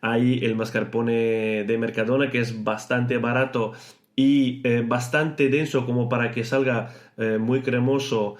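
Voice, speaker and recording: A man whose first language is Italian hosts a podcast lesson and explains pronunciation, slowing down to stretch words out. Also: mid-range voice, flat delivery. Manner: explanatory, slows to exaggerate pronunciation. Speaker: podcast host teaching Italian. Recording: roomy echo.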